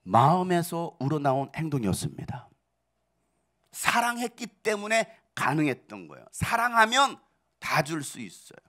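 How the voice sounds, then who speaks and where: Animated Korean pastor preaching with rising force. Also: male voice, fairly high pitch, moderate pace. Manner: emphatic preaching with rhetorical questions, rising to forceful peaks. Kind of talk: sermon.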